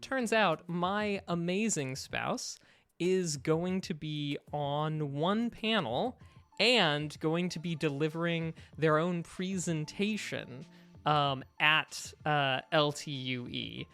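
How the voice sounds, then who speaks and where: A man co-hosting a podcast, chatting casually and haltingly with frequent asides. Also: a little high, fairly bright tone, clear, resonant tone, no room sound, faint music behind. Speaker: podcast co-host. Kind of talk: casual chat.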